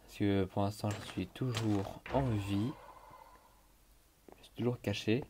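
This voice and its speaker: A man's voice: lowish voice, fairly even intonation, unhurried, background noise. A young man giving casual gameplay commentary, hesitant with many fillers, talking to himself and breaking into panicked exclamations. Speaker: gaming YouTuber.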